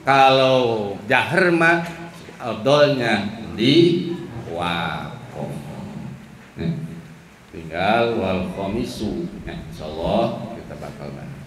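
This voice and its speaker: A male Islamic teacher gives a slow, explanatory religious lesson, chanting Quran verses as examples. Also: on the low side, animated, fairly bright tone. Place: boarding school study hall. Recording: echoey room with faint background noise.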